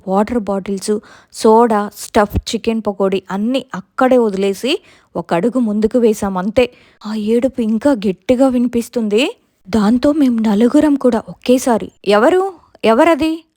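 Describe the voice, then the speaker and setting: A woman with a Telugu accent narrating a first-person ghost story from a script, her quoted lines pushed louder. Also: mid-range voice, no room sound, studio quality.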